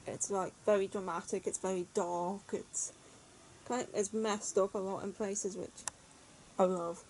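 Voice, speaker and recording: Casual reviewer, woman, chatty and rambling, mid-pitched, faint hiss behind. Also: creaky, mellow, low-quality recording. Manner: chatty, rambling, frequent "like" and "yeah". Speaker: manga reviewer.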